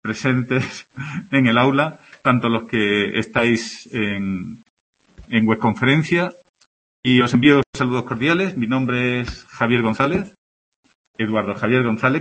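A middle-aged university access course tutor from Andalusia, Spain, speaks with an Andalusian Spanish accent in a mid-range, fairly bright voice at a measured pace. He gives a friendly introductory lecture in a classroom, often checking in with his students, though the audio is poor.

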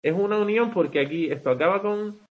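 A man's voice: sits high, a little fast, dull audio. A man teaching English poetic meter in an online class, talking conversationally and checking in with frequent rhetorical "vale", with some hesitant restarts.

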